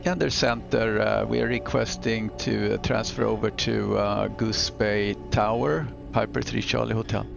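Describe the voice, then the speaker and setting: A man's voice: on the low side, fairly even intonation, normal speed, gravelly, hardly any pauses. A man making pilot radio calls into a cockpit headset mic, in clipped radio phrasing with hesitant fillers. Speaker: flight simulator pilot. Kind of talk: pilot radio calls to air traffic control. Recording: dull muffled audio with music behind.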